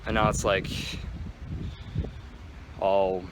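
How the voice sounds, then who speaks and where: Low-voiced young guy vlogging outdoors. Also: level tone, drawn-out words, background noise. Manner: rambling, filler-heavy with "like". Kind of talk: casual outdoor vlog chat. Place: outdoors in a park, walking.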